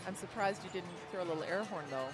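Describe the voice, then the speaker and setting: Upbeat live pinball co-commentator, playful asides, clear arcade noise behind. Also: mid-range voice, fast talker. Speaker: co-commentator at a pinball tournament stream. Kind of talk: casual live play-by-play commentary. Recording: noisy arcade background.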